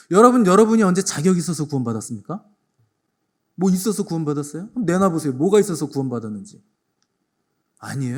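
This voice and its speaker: Pastor guy preaching, slightly high voice, lots of questions at the crowd, kinda playful. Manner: emphatic, rhetorical questions to the congregation; playful asides while retelling stories. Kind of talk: sermon. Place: church.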